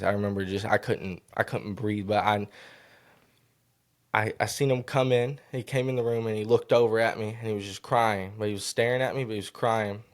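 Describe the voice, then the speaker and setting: A young man telling an emotional personal story as a podcast guest, halting and earnest, often restarting his sentences. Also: fairly low pitch. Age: young adult.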